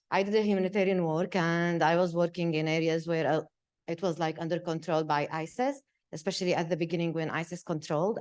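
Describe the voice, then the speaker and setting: Smooth-voiced woman. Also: on the low side. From Syria. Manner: halting, many fillers. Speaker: project participant. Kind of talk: panel talk. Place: gallery event room.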